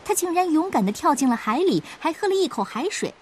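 A woman narrating a children's story in an expressive, lively way. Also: high voice, fast, slight background noise.

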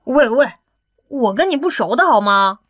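A woman's voice: a little high, sing-song, a little fast, no echo, studio quality. A woman voicing a feisty, easily irritated young woman in an audiobook. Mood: annoyed. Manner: exasperated, snappy. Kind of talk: audiobook character voice.

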